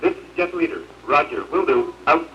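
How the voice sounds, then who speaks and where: A man's voice: a little high, animated, moderate pace, highs cut off, background noise. A man speaking as a jet squadron leader over a pilot's helmet radio, clipped and formal, using radio procedure and call signs. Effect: pilot's helmet radio, distant and thin.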